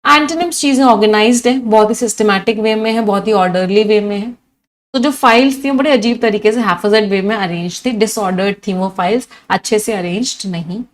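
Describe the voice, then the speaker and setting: A woman teaches English vocabulary in a live online class, switching between Hindi and English. She rattles off synonyms in long chains and keeps asking her students to answer. She has a mid-pitched voice. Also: a little fast. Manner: lively teacher who lists many synonyms and quizzes her students.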